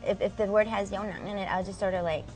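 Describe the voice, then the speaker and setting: On a low-quality recording with faint music behind her, a young Southern Californian woman gives casual interview answers as a guest singer. Her medium-pitched, darkish voice is steady and fast, and she's chatty and friendly, leaning often on "like" and "um."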